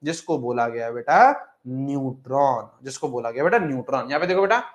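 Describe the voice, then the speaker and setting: A man's voice: mid-range voice, a little fast, highs cut off. A young man teaching chemistry, coaxing and repeating phrases as he asks questions and answers them himself. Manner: mixes English terms into the talk, calls students "beta". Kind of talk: classroom lecture.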